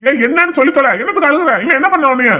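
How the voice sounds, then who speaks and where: A man's voice: high voice, fast talker, crowd noise, close to an everyday voice. A man voicing a bossy, hot-tempered adult brother who scolds and threatens, in a cartoon. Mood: scolding. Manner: scolding, rude, shouting.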